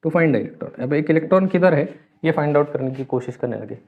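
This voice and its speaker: A man's voice: on the high side, lively intonation, fairly quick. A man teaching a chemistry lecture, explaining step by step, asking and answering his own questions, and mixing English terms into his talk. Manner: mixes English terms into speech. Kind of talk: classroom lecture. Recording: tinny phone-like sound.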